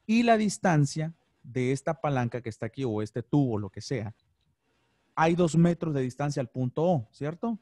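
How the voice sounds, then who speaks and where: Man, patient online teacher, mellow tone, dry close sound, video call. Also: a little high, expressive, normal speed, dry recording. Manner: patient, checks understanding with frequent "ok?". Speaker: physics teacher. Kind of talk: online class explanation.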